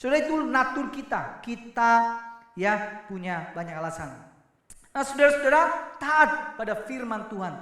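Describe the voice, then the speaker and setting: Bright-voiced preacher in echoey church. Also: male voice, very high voice, normal speed. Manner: animated, addresses congregation directly. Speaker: pastor. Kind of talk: sermon.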